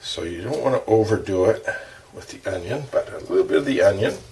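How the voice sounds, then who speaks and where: A man hosting a low-budget cooking show, talking through each step of a recipe in a relaxed, chatty way while he cooks in his kitchen. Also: a little fast. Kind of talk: casual cooking demonstration. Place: home kitchen. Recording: distant mic with kitchen noise.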